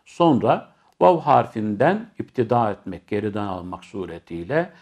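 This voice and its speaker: A man teaching Quran recitation, explaining each letter step by step and then chanting the verses slowly. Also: lowish voice, lively intonation, darkish tone.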